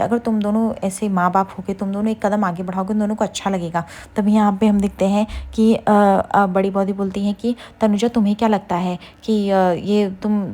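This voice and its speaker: A woman rattles through a serial's plot at a quick clip, quoting one character after another. Her pitch barely moves, so the delivery sounds flat and even. She sounds casual, and she stumbles on fillers as she goes. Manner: rapid retelling with fillers, quotes each character in turn. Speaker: serial recap narrator. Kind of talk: casual story recap.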